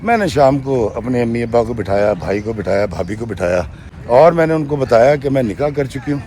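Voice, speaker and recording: A man's voice: mid-range voice, expressive, mellow, slight background noise. A man narrating a true story to his viewers, retelling a woman's account in her own words and often adding "she says", and sometimes calling his listeners friends. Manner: addresses listeners directly as friends.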